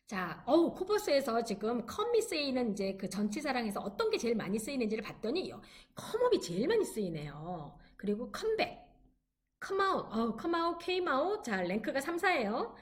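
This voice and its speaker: A woman teaching an online English class, her voice sitting fairly high and moving a great deal in pitch. She encourages her students and slows down to drill phrases for them to repeat. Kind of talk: online lecture.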